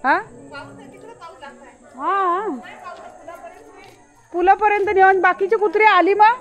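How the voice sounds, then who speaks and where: A woman with a high voice talks to her camera as she walks outdoors in light rain. She keeps calling, coaxing and scolding her dogs. Faint music sits under her voice. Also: fairly even intonation, takes it slowly, a bit bright, highs cut off. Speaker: vlogger. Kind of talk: casual vlog talk. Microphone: handheld camera while walking.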